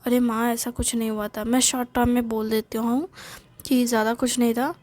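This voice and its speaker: Woman playing a casual grown son, coaxing, lightly whiny, fairly high voice. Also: little pitch movement, brisk, darkish tone, close to an everyday voice. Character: easygoing grown son, teasing and soothing.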